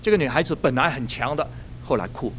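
A male pastor preaching a sermon, telling a story in an animated way and laughing at his own jokes. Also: medium pitch, fast talker, a little hiss or hum.

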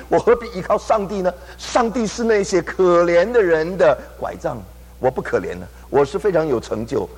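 A man's voice: medium pitch, darkish tone, breathy edge. A man preaching a sermon, telling a story animatedly and acting out the people he quotes. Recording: long hall reverb.

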